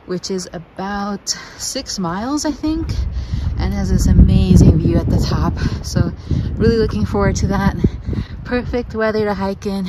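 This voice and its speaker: A woman's voice: medium pitch, unhurried, heavy background noise. A woman narrating a casual hiking vlog outdoors on a mountain trail, gushing with enthusiasm. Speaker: vlogger.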